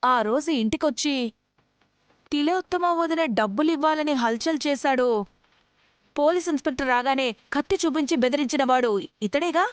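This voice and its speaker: Brief: actress playing an accusing woman, high voice, dry close sound. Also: moderate pace, no echo, natural voice. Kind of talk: TV serial dialogue.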